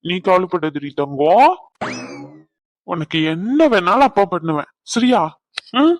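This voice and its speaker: A man voicing a doting young husband who talks softly and coaxingly to his unborn child. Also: high-pitched, very animated, measured pace, no echo. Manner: soft, coaxing, affectionate.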